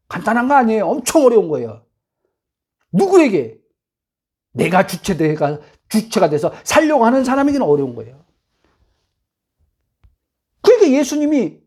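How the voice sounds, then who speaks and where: A woman pastor delivering a sermon at home, pressing the congregation with rhetorical questions and rising to near-shouts for emphasis. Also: mid-range voice, slightly rough.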